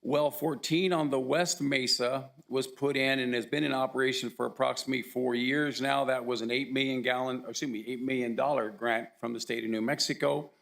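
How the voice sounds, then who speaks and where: A man with a hoarse, gravelly voice gives a formal report at a county commission meeting. He pauses often and fills the gaps with uh and um, and his voice catches in a rough fry. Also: mid-range voice, fairly even intonation, fairly bright tone. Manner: halting, with frequent uh and um.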